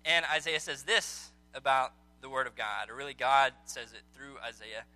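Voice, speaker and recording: Faint music sits behind a mid-range male voice, moderately paced, pushed and bright. Leading an evening Bible study indoors, he talks casually with his small group, quizzing them and frequently saying "um."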